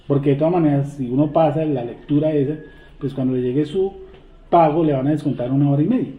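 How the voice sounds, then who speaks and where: A man's voice: a little high, quick pace. Man teaching scripture over a tinny line. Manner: asks the class rhetorical questions and reads scripture aloud. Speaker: Torah study teacher. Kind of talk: weekly scripture study class. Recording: tinny, echoey phone-like recording.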